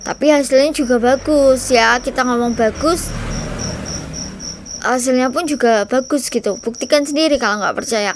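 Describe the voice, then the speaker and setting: A woman channel host talks casually with a high voice, explaining a lecture to her viewers. She refers to herself by name and chats loosely. A faint hiss runs behind her. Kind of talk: casual commentary.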